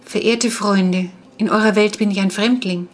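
A woman's voice: mid-range voice, steady tone, moderate pace, natural voice. A woman reading the part of a polite vampire boy who slept for centuries, speaking in a courtly, archaic, wondering manner.

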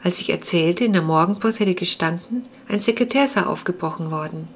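A worried father in a children's storybook speaks firmly and gravely, as a woman reading aloud voices him. The voice sits low, with a faint hum of room noise behind it. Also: a little fast, lightly acted. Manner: firm, serious and questioning. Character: worried middle-aged father questioning his children.

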